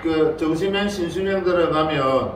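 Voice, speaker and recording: With a slightly high voice at normal speed, an older Buddhist monk playfully teaches the Dharma to a congregation, constantly prompting them with questions. Slight background noise accompanies the distant, heavily echoing hall recording.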